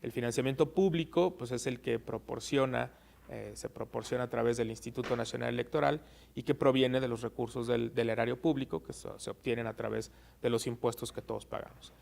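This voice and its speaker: A man being interviewed as an expert on election law, explaining at a measured pace with frequent "eh" pauses. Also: mid-range voice, steady tone, vocal fry, darkish tone.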